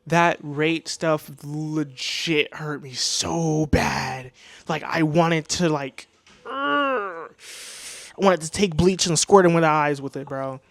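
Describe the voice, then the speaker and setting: Nineteen-year-old male vlogger, rambling slangy storyteller, voice a bit high, dry room. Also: steady tone, takes it slowly, vocal fry, dry recording. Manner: rambling, many restarts, slangy "bro". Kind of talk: casual storytime monologue. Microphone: new desk microphone.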